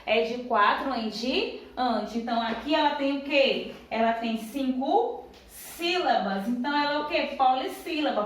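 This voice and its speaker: A woman teaching a lesson to young children. She asks questions and answers them herself, and she counts syllables aloud slowly. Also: sits high, a bit bright. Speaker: primary school teacher. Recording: very echoey room, voice far from the mic.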